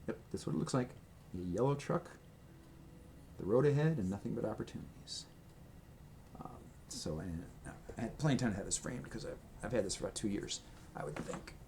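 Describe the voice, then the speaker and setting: This vlogger shows off his merch to the camera mic from a table in his home, where a red accent wall breaks up the gray walls. His lowish, darkish voice has lively intonation and normal speed, and he pauses often as he wanders between points, restarting sentences and filling gaps with ums and you-knows. Faint room ambience and slight background noise sit beneath him.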